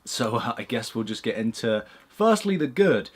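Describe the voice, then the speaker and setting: A man's voice: medium pitch, sing-song, moderate pace, breathy edge. A man hosting a casual movie review chat, blunt and rambling, with plenty of fillers and swearing.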